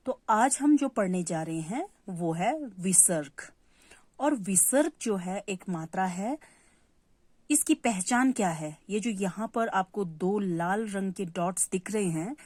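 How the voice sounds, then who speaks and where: A woman's voice: medium pitch, darkish tone, no echo. A woman teaching a Hindi lesson to young children, patient, repeating key words and answering her own questions. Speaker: primary school Hindi teacher.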